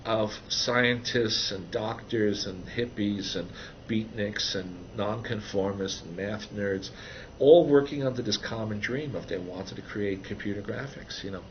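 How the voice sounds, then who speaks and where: An older man with a fairly low voice talks through a casual interview, circling back with fillers and restarts as he explains his ideas. The recording is a little dull, with a faint hiss behind him. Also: moderate pace. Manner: rambling, many restarts and fillers. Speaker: interviewee, author of a book on computer animation. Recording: dull, slightly noisy recording.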